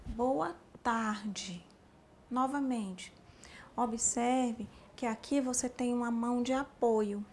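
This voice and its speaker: A woman teaching a sign language class, explaining each sign slowly and speaking straight to the learner. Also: fairly high pitch, a little mellow, slight background noise. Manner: slow, explanatory, addressing the learner directly. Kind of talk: spoken instruction for a sign language lesson.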